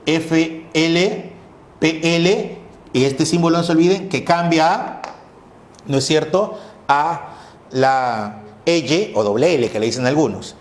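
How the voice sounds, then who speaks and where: A man's voice: a little high, takes it slowly, roomy sound. A male teacher giving a lecture on language history, explaining patiently and often checking with "¿no es cierto?". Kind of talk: classroom lecture.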